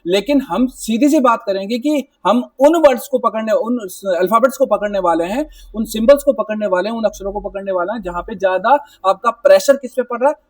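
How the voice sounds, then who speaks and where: A man teaching a Hindi grammar class for exam preparation, explaining patiently and repeating checks like "right?", sounding out letters slowly. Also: sits high, no room sound, far from the mic. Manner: explanatory, repetitive, mixes English words, says "ठीक है" and "है ना" often. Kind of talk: exam-prep classroom lecture.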